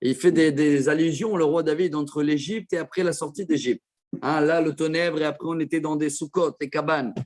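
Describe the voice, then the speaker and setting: A man teaching a Torah class as a rabbi, explaining verses with quick asides to his listeners. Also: on the high side, steady tone, a little mellow. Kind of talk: Torah lesson.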